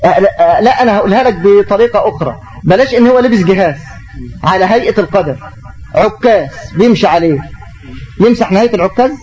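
A man's voice: high-pitched, fast, a little mellow, faint music behind, poor audio. A middle-aged man with an Egyptian Arabic accent, teaching an Islamic lesson and taking questions, explaining through rhetorical questions.

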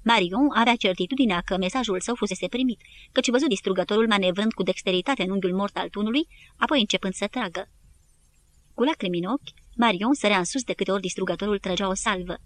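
In a scripted war history audiobook, a woman with a medium-pitched voice reads in a steady, measured manner.

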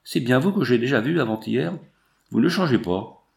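A man voicing a cunning old gold miner who speaks low and grimly in a read-aloud novel. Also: lively intonation, creaky. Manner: low, grim and deliberate.

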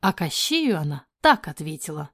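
A woman narrating a fairy-tale audiobook in an expressive voice that often drops to a breathy near-whisper. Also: medium pitch, normal speed, no room sound, studio quality.

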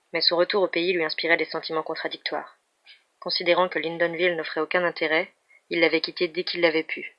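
Female novel reader, steady, monotone and gravelly delivery, dull lo-fi recording. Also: deep voice. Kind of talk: audiobook reading of a novel.

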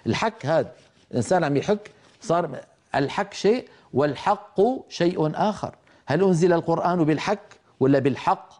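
Man, tajweed teacher, mellow warm tone, slightly raised pitch, explains and demonstrates letters. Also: lively intonation. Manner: explains then demonstrates pronunciation, chanting verses slowly. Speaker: Quran recitation teacher. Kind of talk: tajweed lesson.

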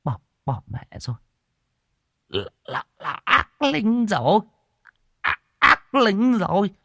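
A man's voice: high voice, wildly swooping pitch, takes it slowly, vocal fry, pushed and bright, dry recording, clean studio sound, pitched above the performer's own voice, exaggerated voice. A man doing a fake, pompous bald monk. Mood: panicked.

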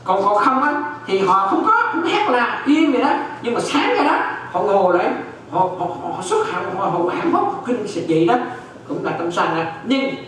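A man's voice: high-pitched, very animated, normal speed, fairly bright tone, a little hiss or hum. A man teaching Buddhist doctrine as a monk, repeating phrases and often checking that his listeners follow. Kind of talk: dharma lecture. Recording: very echoey hall, distant mic.

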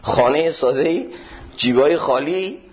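A man preaching a sermon in a mosque, explaining classical poetry with emphatic repeated parallel phrases. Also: a little high. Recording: dull muffled recording.

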